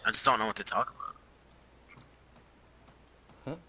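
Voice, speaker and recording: Bright-voiced laid-back young man. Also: lowish voice, racing, slight background noise. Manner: laid-back, swears casually. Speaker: podcast co-host. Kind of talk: casual chat.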